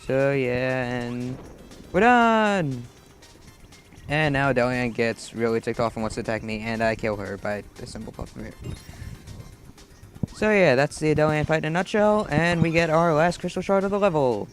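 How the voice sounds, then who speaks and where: A man giving casual let's play commentary over gameplay, rambling through tangents and game trivia, with sudden excited outbursts at the screen. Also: mid-range voice, moderate pace, soft background music. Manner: bursts of excited shouting at the game.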